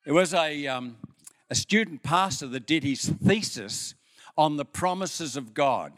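An older Australian pastor preaching a sermon in a church, with folksy stories and an unhurried manner. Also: male voice, on the high side. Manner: folksy storytelling, lively with pauses. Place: church hall.

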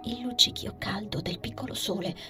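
A woman reads a fantasy novel aloud with an expressive, storyteller's delivery. Now and then she sinks her voice to a hushed whisper. Faint music runs quietly in the background. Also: mid-range voice, moderate pace. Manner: expressive reading that drops into soft whispers. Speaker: audiobook narrator. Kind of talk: scripted narration of a fantasy novel.

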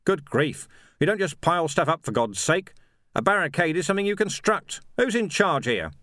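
A man voicing a gruff, weary male watch sergeant who shouts commands at a crowd in an audiobook. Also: fairly high pitch, very animated, normal speed, dry recording, studio quality, pitched above the performer's own voice. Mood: commanding. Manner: shouting orders. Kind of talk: audiobook character voice.

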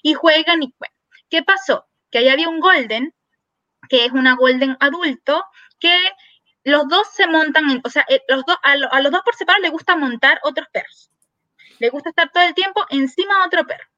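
High bright-voiced woman telling a story. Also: brisk, no room sound, dull audio. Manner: animated, acts out dialogue in quoted voices. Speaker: veterinarian guest. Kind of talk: casual podcast storytelling.

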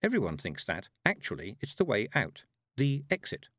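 A man's voice: mid-range voice, huge pitch swings, normal speed, fairly bright tone, no echo, studio quality. A man voicing a polite, level-headed young witch girl. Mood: earnest. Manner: polite, earnest.

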